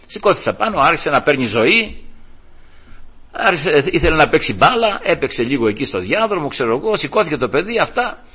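Husky, lively older man preaching. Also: on the high side. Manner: emotional, animated, restarts often. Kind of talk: storytelling sermon.

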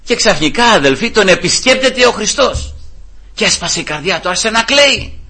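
A middle-aged man from the Peloponnese preaching a sermon in church, telling his own story as an animated storyteller who keeps turning to address the congregation. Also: high voice, husky. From Greece, Peloponnese. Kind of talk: sermon with personal testimony.

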